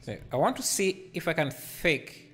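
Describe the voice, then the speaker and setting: Over faint background music, this 3D artist in his thirties talks through his livestream on a headset microphone, his voice sitting on the high side, slightly bright and sing-song at a measured pace. He fills his thinking-aloud with fillers and reads chat messages out loud as he works, in a relaxed tutorial style.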